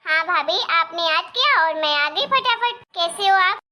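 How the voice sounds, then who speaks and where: A woman's voice: very high voice, expressive, moderate pace, sharp tone, full character voice. A woman voicing an eager, reassuring young married daughter visiting her mother in a cartoon. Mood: insistent. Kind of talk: animated cartoon voice acting.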